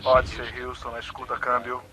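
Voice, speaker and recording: A man's voice: mid-range voice, monotone, moderate pace, pushed and bright, slight background noise, poor audio. A man making clipped, formal calls over a two-way radio during a space mission. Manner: terse, formal radio procedure.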